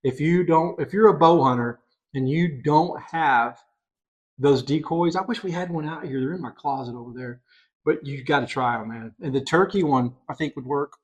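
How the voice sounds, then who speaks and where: A middle-aged man hosting a podcast, telling a hunting story in casual chat, excitable and animated. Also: fairly high pitch, normal speed. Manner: excitable, animated storyteller, voices others in quotes. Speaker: podcast host.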